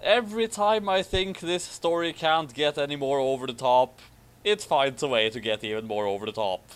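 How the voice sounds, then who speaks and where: With a mid-range voice at normal speed and a clean tone, a male commentary host reads a fan fiction aloud, amused and casual. He mixes dramatic reading with relaxed commentary.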